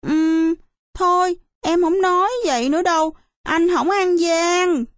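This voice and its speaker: A small, timid girl who pleads and whines in a high, childish voice, put on by a woman reading the story. Her voice sits well above the reader's own and sounds dry and close. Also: unhurried, no room sound. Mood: pleading.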